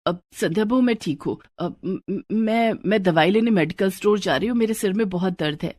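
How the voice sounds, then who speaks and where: A nervous, stammering mother-in-law in a cartoon story, as a woman narrator puts her on. Her voice sits lower than the narrator's and sounds close and dry. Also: expressive, normal speed, darkish tone, slightly rough, no echo. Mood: flustered. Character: fretful older mother-in-law, flustered.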